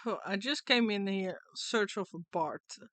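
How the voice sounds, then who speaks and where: A woman's voice: mid-range voice, normal speed, a bit bright, no echo, natural voice. A woman voicing a sassy, blunt, sceptical adventurer from a video game. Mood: blunt, suspicious. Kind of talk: reading video game dialogue in character.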